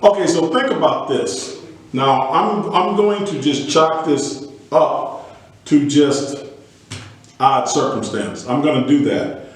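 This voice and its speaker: A man's voice: a little high, takes it slowly, far from the mic. Man sounding hollow, like in a tunnel. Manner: puzzled while troubleshooting audio. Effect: hollow echo like a tunnel. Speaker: host of an online call. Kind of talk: casual live talk to an audience. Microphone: computer on a video call. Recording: echoey tunnel-like call audio.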